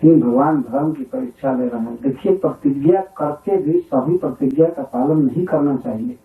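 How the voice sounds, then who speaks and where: A man's voice: mid-range voice, normal speed. A man giving a scripture talk as a spiritual teacher, telling stories from his own village, often chuckling and reciting Sanskrit verses. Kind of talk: sermon-style storytelling. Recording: echoey hall, distant phone-like lo-fi 1996 tape.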